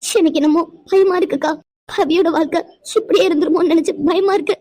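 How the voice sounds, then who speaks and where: A woman's voice: very high voice, steady tone, fast talker, dark tone, no room sound. A woman voicing a worried young woman in a cartoon, talking anxiously about her sister's troubles. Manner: anxious, pleading. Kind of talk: Tamil cartoon voice acting.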